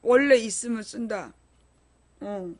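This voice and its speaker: A middle-aged woman broadcasting to her viewers, chatting casually and telling lively stories about home life, acting out quoted arguments and laughing as she goes. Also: on the high side, takes it slowly. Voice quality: chatty, laughing, animated storytelling. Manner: acts out quoted arguments in a raised voice. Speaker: online broadcaster.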